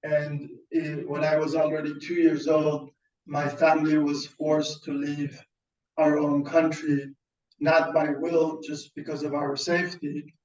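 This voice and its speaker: Guy from iran raised in sweden doing a webinar, kinda high voice, flat delivery, stumbles and repeats himself, sounds far off and roomy. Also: dull audio. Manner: halting, repeats words and restarts often. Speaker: founder presenting a webinar. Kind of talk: webinar talk.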